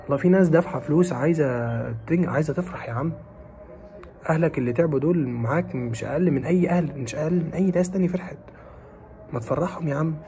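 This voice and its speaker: A man with an Egyptian Arabic accent giving students a fast, pleading and scolding pep talk, repeating his phrases. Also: on the high side, dark tone. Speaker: motivational talker for exam students.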